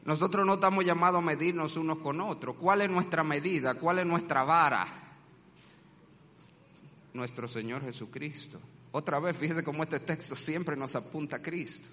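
A man's voice: on the high side, moderate pace, pushed and bright, big-room sound. A man preaching a sermon, who rises into dramatic cries whenever he quotes scripture. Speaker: pastor.

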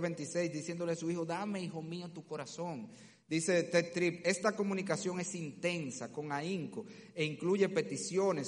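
A man preaching a sermon as pastor, forceful and emphatic, at times slowing and dropping to a soft, low voice. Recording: long hall reverb.

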